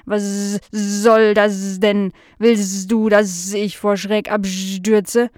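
A woman voicing a forgetful, slow-witted male house fly who draws out his words, in a children's audio story. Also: medium pitch, level tone, a little mellow, no room sound, studio quality. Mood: indignant. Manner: very slow, drawn-out, puzzled.

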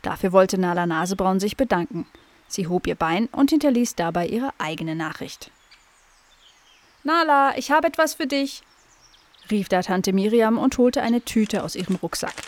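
A woman calmly reading a children's story aloud as narrator. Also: medium pitch. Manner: calm, clear storytelling.

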